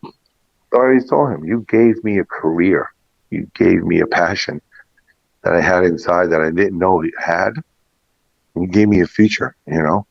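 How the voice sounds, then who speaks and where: Deep and creaky, the voice of this middle-aged restaurant and catering veteran moves at normal speed with frequent pauses. In a casual interview he reflects on his past through anecdotes, quoting earlier conversations. The room recording is muffled and echoey.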